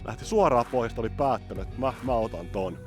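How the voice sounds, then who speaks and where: Excitable man from vlogging outdoors. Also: medium pitch, over music. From Helsinki, Finland. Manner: excitable, chatty, explaining technique. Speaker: fishing vlogger. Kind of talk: casual outdoor vlog narration. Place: outdoors on a frozen city lake.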